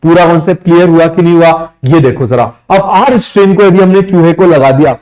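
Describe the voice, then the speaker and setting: Man, young adult, online biology teacher, live exam-prep lecture, quizzing and self-answering, slightly high voice. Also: a little mellow. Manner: quizzing, repeats questions and answers them himself; mixes English terms into Hindi, drawn out slowly. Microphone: streaming microphone.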